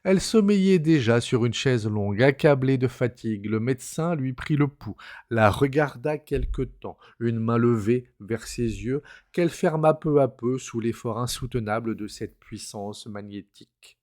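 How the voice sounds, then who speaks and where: A man narrating a classic novella in an expressive, dramatic reading style. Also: mid-range voice, normal speed. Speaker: narrator, reader.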